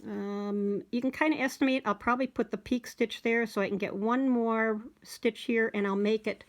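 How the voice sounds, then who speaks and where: A woman's voice: a little high, moderate pace. Folksy woman demonstrating hand stitching. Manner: relaxed and folksy, with many fillers and homey words. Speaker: sewing instructor. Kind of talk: hands-on craft tutorial.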